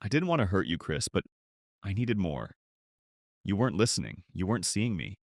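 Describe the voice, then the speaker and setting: A cold, defensive middle-aged wife, read by a man narrating the story, who brushes off questions with short, dismissive replies. The voice sits low and swings widely in pitch. It sounds dry and close. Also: sing-song, normal speed, creaky, no echo, full character voice.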